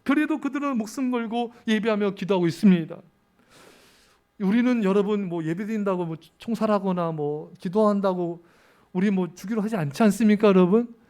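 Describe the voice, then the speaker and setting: A middle-aged man preaches with fervor, his voice pitched high for a man. He keeps appealing to the congregation, drawing out and swelling the key phrases of his sermon. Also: brisk, darkish tone. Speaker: pastor.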